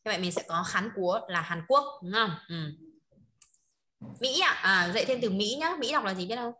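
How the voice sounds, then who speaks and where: A woman's voice: mid-range voice, expressive, normal speed, pushed and bright. A woman teaching an online language class, checking in often with short tag questions and laughing easily. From northern Vietnam. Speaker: Chinese teacher. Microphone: online video call.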